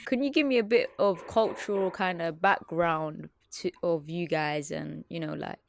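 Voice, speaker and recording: A woman hosts a podcast interview, asking her guests questions in a casual way. Her low voice has a gravelly fry, and the room sounds dry. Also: normal speed, no room sound. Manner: laughs often, friendly questions. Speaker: podcast host.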